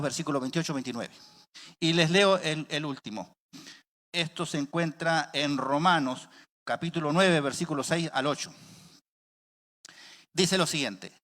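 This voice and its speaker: A man delivers a sermon in a high, bright, ringing voice. He drives each point home with emphasis and keeps asking his listeners questions. His voice rings out with a long reverb, as in a large hall. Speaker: preacher.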